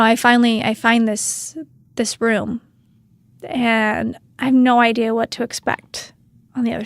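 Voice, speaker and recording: A woman doula and podcast co-host, telling a moving story softly, holding back tears. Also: fairly high pitch, clean tone, no echo, clean studio sound. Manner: emotional, soft-spoken, holding back tears. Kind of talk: casual storytelling. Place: Utah.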